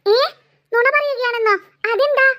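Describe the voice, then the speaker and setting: A woman's voice: very high voice, normal speed, bright, forceful tone. A sarcastic scolding cartoon mother. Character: scolding middle-aged mother, sharp-tongued and sarcastic. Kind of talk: cartoon voice acting.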